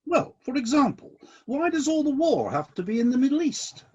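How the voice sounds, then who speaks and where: Playing a demanding yet fair heavenly boss in a satirical radio play, this actor speaks with measured, politely insistent questions. The voice is high-pitched with big swings and a slightly mellow quality, heard through lo-fi sound.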